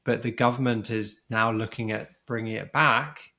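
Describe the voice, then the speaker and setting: A co-founder of a surrogacy community appears as a guest in a casual podcast interview, explaining things thoughtfully and often restarting his sentences. His medium-pitched voice is pushed and bright, with fairly even intonation at a moderate pace.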